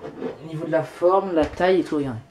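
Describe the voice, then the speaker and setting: A man's voice: on the high side, brisk, a little mellow, slight background noise. A man filming an unboxing vlog at home, talking enthusiastically and gushing over each item. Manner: enthusiastic, gushing with frequent exclamations. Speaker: YouTuber.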